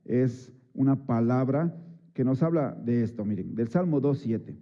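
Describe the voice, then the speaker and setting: A man delivering a Sunday sermon at a church service. He talks in a loose, conversational way, full of fillers and little rhetorical checks with the congregation. His mid-pitched voice comes through a slightly dull, lo-fi church recording. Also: lively intonation, unhurried, warm tone. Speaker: preacher.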